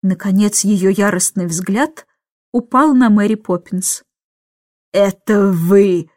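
Woman audiobook narrator, lively storytelling, dry close sound. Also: medium pitch, unhurried, dry recording.

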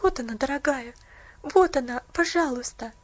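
A woman voicing an earnest, kind-hearted young girl who talks in a pleading, bright way. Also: very high-pitched, normal speed, muffled recording, pitched above the performer's own voice. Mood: tender.

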